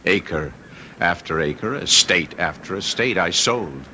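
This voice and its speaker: A low-voiced young nobleman, ruined and desperate, pours out his story in a radio play. His formal, melodramatic delivery swings widely in pitch, with a bright forceful edge on a noisy old recording. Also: expressive, slow pace, heavily acted. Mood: bitter remorse. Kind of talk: old-time radio drama acting.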